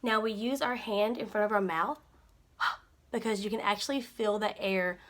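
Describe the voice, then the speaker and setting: A woman's voice: medium pitch, moderate pace. A young adult woman working as a speech-language pathologist, explaining articulation cues and modeling each sound with short repeated syllables. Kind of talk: instructional explanation.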